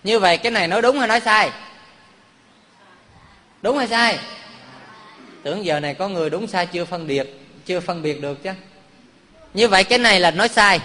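A monk with a high, bright voice gives a playful dharma talk. He keeps putting questions to his listeners and drifts into funny stories. His voice rings through a large hall with a long reverb. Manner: quizzes the audience, jokes and tells stories. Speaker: Buddhist monk teaching.

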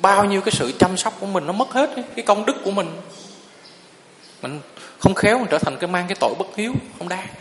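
Folksy monk in a reverberant hall. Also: male voice, high-pitched, expressive, fast, fairly bright tone, a little hiss or hum. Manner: folksy storytelling, asks the audience for agreement. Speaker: Buddhist monk. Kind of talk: sermon.

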